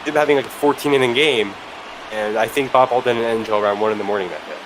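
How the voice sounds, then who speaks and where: A man's voice: medium pitch, quick pace, background noise. A man working as a color commentator, giving conversational live baseball analysis.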